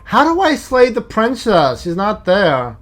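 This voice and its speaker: A woman's voice: mid-range voice, sing-song, unhurried. A woman streaming a game with casual, wry, offhand commentary.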